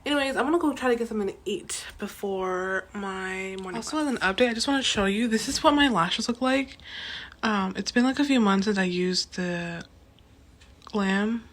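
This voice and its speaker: A young woman vlogging at home in a casual, rambling way, full of fillers and restarts, her voice still raspy from the morning. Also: medium pitch, normal speed, a bit bright, poor audio. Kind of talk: casual vlog chat. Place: at home, indoors.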